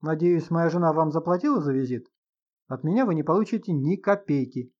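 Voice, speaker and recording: A man's voice: fairly high pitch, brisk, lo-fi sound, close to an everyday voice. A man voicing an irritable, suspicious middle-aged husband who gets agitated and sarcastic in an audiobook reading.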